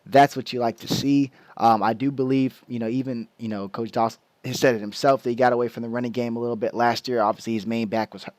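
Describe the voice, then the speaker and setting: A man's voice: medium pitch, steady tone, quick pace, few pauses, a little mellow, no echo. A man giving a casual football film breakdown, loose and slangy, explaining plays with lots of restarts and the hiccups.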